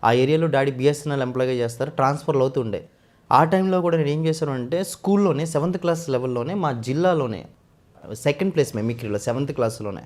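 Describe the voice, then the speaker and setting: A man from West Godavari in India, a mimicry artist, telling his story in a casual interview and often addressing the interviewer as sir. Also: mid-range voice. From West Godavari, Andhra Pradesh. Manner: fast, animated storytelling with frequent sir.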